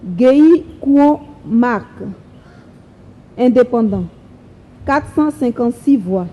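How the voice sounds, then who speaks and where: Slow, measured woman reading results. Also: fairly high pitch, expressive, dull audio. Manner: slow, measured, reads each figure deliberately. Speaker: electoral official announcing results. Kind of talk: formal reading of election results.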